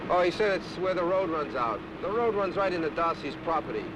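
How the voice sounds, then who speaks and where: An actor playing a cocky, playful young drifter in a 1960s TV drama. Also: male voice, on the high side, animated, fairly quick, close to an everyday voice. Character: cocky young male drifter, girl-chasing. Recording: hissy old TV soundtrack.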